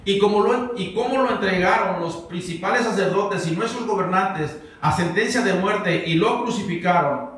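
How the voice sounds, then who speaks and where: High-voiced pastor in echoing hall. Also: male voice, moderate pace, fairly bright tone. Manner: conversational, quizzes the congregation. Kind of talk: verse-by-verse Bible teaching sermon. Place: church sanctuary. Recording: very echoey hall, mic far off.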